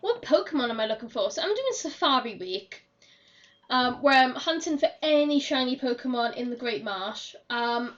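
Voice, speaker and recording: Croaky woman streaming, chatty and rambly, kinda far from a muffled mic. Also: on the high side, a bit bright. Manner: chatty, rambling, laughs often. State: hoarse, losing her voice. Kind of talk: casual chat while gaming. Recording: dull, slightly distant mic.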